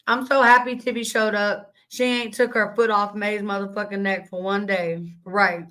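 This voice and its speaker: A woman with a slightly raspy, medium-pitched voice hosts a casual live stream, reading out chat comments and talking bluntly with lots of swearing and laughter. Her delivery is flat and at a normal speed, with a pushed, bright sound.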